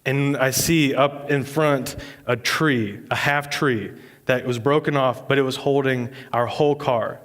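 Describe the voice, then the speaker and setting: A young male pastor preaching in a church, casual and conversational. He tells his story with self-deprecating humor and easy laughter, then turns to scripture in the same relaxed voice. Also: mid-range voice, unhurried. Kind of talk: sermon with personal story.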